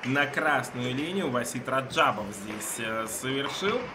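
A man's voice: mid-range voice, animated, a little slow. A man giving live play-by-play ice hockey commentary in short, clipped phrases. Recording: noisy ice rink broadcast.

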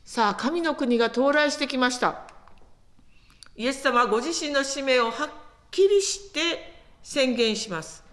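A woman preaching a sermon in an animated storytelling manner, acting out quotes as she goes. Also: sits high, unhurried. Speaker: pastor.

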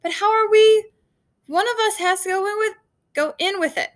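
A woman's voice: very high voice, normal speed, pitched above the performer's own voice. A woman voicing an anxious man who calls out doubts about launching a life raft. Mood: worried. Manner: anxious, calling out objections. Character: worried man doubting a rescue at sea.

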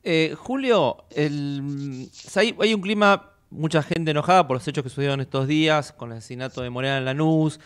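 A man's voice: fairly high pitch, moderate pace, hardly any pauses, clear, resonant tone. A middle-aged man hosting a radio interview over a video call, asking long questions with many fillers. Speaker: radio host.

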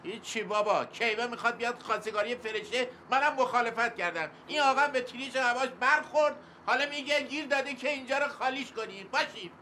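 A man's voice: very high-pitched, hardly any pauses, pushed and bright, a little hiss or hum. A middle-aged actor playing a stern, indignant tenant father in a TV drama. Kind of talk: TV drama acting.

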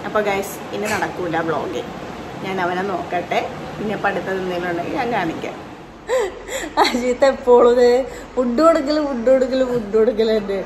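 A woman's voice: medium pitch, fairly quick, noisy background. A woman with a Malayali accent chatting casually in a home vlog, coaxing a sleepy crying child in a sing-song way. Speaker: vlogger. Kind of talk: casual family vlog chat. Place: home in rainy evening.

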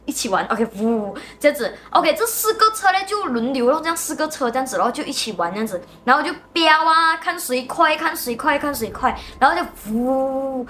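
A woman host, telling a story in a lively, casual way and acting out sounds. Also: sits high, brisk, hardly any pauses. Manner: animated, acts out sounds and motions.

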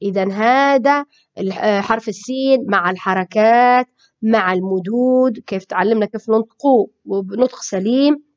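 A woman with a Libyan Arabic accent, teaching a children's phonics lesson with slow, drawn-out syllables, saying each sound twice. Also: on the high side, dry recording. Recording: dull lo-fi recording.

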